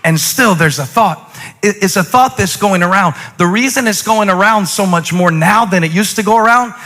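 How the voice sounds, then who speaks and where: A man preaching a sermon to a congregation, talking conversationally and then rising to loud exhortation. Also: sits high, normal speed. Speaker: pastor.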